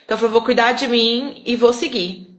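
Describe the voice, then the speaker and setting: A woman's voice: fairly high pitch, brisk, muffled recording. A woman with a Brazilian accent, a guest sharing an emotional personal testimony and acting out the dialogue as she tells it. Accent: Brazilian Portuguese. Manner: expressive, animated storyteller who acts out dialogue. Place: live online broadcast.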